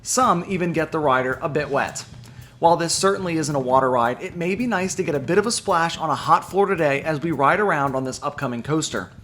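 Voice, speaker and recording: A man's voice: a little high, fast talker, fairly bright tone, faint music behind. A man reading a scripted voice-over as a video narrator, in an enunciated, presentational way. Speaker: theme park news video narrator.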